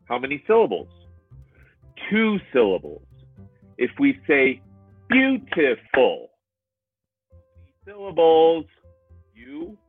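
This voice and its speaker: Guy teaching english real slow, voice jumps all over, kinda husky, sounds like a muffled phone line. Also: medium pitch, dry recording. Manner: animated, stretches and repeats words for learners. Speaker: English tutor. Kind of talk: slow, drawn-out teaching with examples. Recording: muffled, phone-like online lesson audio.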